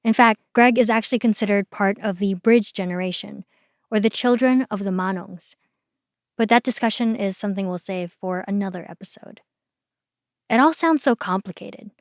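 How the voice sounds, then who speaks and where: A woman hosting a podcast, reading a scripted documentary narration in a measured, explanatory way. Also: mid-range voice, dry recording, studio quality. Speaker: podcast host.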